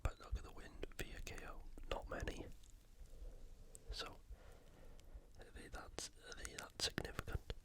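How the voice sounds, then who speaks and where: Previewing fights for an ASMR audience, a speaker from Britain keeps to a soft, voiceless whisper and occasionally pauses while reasoning things out.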